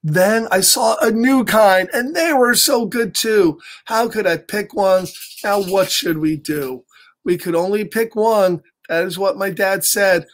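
An American man in his fifties, his voice pitched high and pace slightly slow, reads a picture book aloud to children with lots of expression. As a children's storyteller, he tosses in playful, chatty asides to his young viewers from a small room at home.

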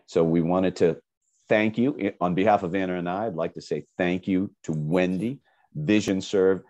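A man's voice: low voice, steady tone, moderate pace, darkish tone, lo-fi sound. A man presenting products in a webinar, explaining conversationally with fillers over a video call.

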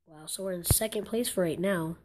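A woman's voice: on the low side, fairly quick, darkish tone, slight background noise. A young woman giving casual commentary over a mobile game, exclaiming in frustration and rambling with many restarts. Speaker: gaming channel host.

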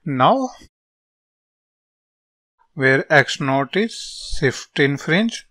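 A man with a North Indian accent teaching as a physics tutor, working through solutions step by step in short, halting phrases as he dictates. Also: on the high side, expressive, bright, forceful tone, no echo, studio quality. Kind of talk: step-by-step lesson, reading out worked solutions.

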